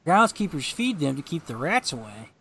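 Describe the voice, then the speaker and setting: A man chats and jokes with a friend while they go through a game, cracking wise between lines of dialogue. His voice sits high, with a faint hiss behind it. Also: big pitch swings, normal speed, pushed and bright. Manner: joking, reads dialogue aloud. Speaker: co-host watching a game. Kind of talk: casual commentary.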